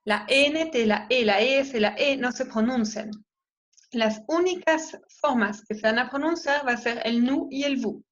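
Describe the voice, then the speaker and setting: Slow-talking woman teaching French. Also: high-pitched, slight background noise. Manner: spells out letters one by one, models pronunciation. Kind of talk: slow explanatory lesson. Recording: dull lo-fi recording.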